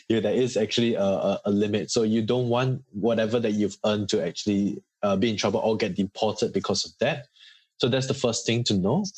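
A Singaporean man with a fairly low, husky, slightly mellow voice speaks as an interview guest. He explains things earnestly and conversationally, using examples, and the sound is dry and close with no room sound.

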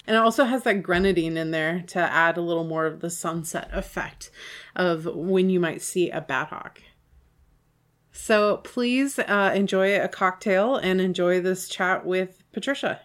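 A woman introducing a podcast episode in a relaxed, inviting way. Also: fairly low pitch, measured pace. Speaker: podcast host.

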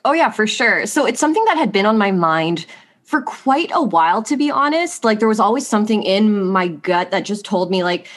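As a podcast guest, a young adult woman tells her personal story candidly and ramblingly, sprinkling in lots of "like" and "you know." She is sniffly from allergies, with an expressive, medium-pitched voice and a slightly fast pace.

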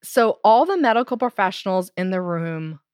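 A woman co-hosting a podcast, casually telling a true spooky story, animated and laughing now and then, with lots of "so" and "like". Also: medium pitch, normal speed, no echo, clean studio sound.

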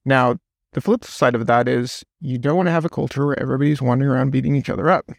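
A man's voice: mid-range voice, steady tone, quick pace, creaky, no echo, clean studio sound. A man, a podcast guest, explaining at length in casual conversation and telling stories with quoted voices.

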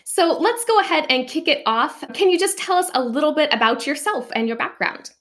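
A woman's voice: high voice, expressive, fairly quick, a bit bright. Upbeat woman podcast host. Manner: upbeat, scripted introductions. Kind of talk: interview.

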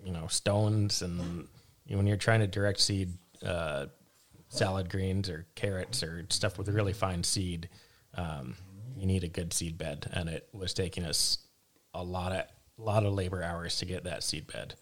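A man, a vegetable farmer, answering interview questions in a relaxed, hesitant way with many fillers and restarts. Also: low-pitched, unhurried.

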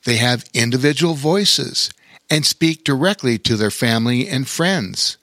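A man voicing a kindly bear king who speaks slowly and gently, explaining things. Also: medium pitch, animated, no echo, studio quality. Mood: gentle.

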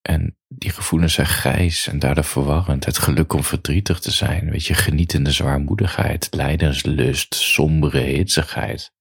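A man musing aloud in an unhurried monologue as a podcaster, then reading his own story aloud. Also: rumbling low, fairly even intonation, creaky, husky, no echo, studio quality.

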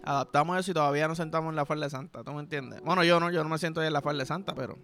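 A man's voice: a little high, steady tone, very fast, a bit bright, soft background music. A young adult man with a Puerto Rican accent hosting a podcast, talking in a crude, slangy comedic monologue full of vocal sound effects. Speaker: podcast host.

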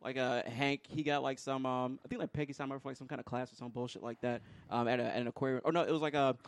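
A man's voice: medium pitch, fairly even intonation, fast talker, clear, resonant tone. A young man co-hosting a podcast, telling stories in a jokey, filler-heavy way. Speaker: podcast co-host. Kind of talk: casual chat.

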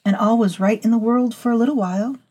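A woman voicing a centuries-old female vampire historian who talks in a slow, formal, lecturing way to her initiates. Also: fairly high pitch, steady tone, a little mellow, slightly rough. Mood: storytelling. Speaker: narrator of a vampire storytelling podcast. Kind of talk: scripted audio fiction monologue.

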